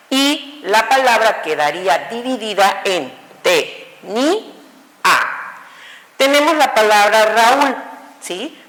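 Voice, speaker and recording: Woman teacher with a Mexican Spanish accent, unhurried and methodical, echoey room sound. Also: medium pitch, a bit bright. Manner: slow, deliberate, checks in with "¿sí?" and "¿ok?". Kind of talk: online grammar class. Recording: echoey room with long reverb.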